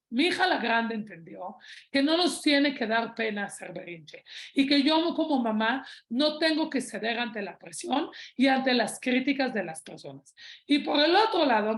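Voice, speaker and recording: A woman's voice: on the high side, roomy sound. A woman in her thirties with a Mexican Spanish accent giving a parenting talk, telling stories and checking in with her listeners. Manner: conversational, checks in with "¿ok?". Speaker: parenting speaker.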